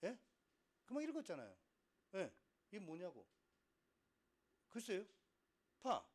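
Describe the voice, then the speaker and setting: Man, middle-aged, lecturing Korean class, bouncy pitch, slightly high voice, playful asides. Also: slow. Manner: animated, acts out students' voices, frequent laughter and rhetorical questions. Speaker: Korean language instructor.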